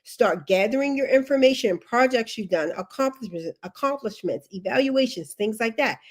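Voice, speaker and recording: Speaking at a moderate pace, this woman has a fairly high, expressive voice. She coaches careers on a livestream while sniffling from allergies, and her delivery is emphatic, with key instructions said more than once and chatty side comments.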